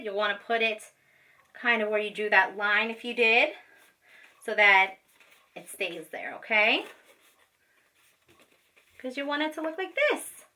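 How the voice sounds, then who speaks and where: A special education teacher, a woman with a somewhat high, sharp voice, walks children through a craft step by step. She's informal and patient and checks in with them often. The microphone is placed at a distance.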